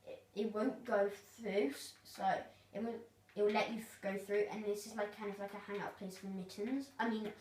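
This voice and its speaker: This woman's medium-pitched voice has a darkish tone and barely moves in pitch as she speaks at a moderate pace. She's casually touring her video game world, wandering off track and hesitating with plenty of fillers. Sound is roomy and faintly noisy from a far-off mic.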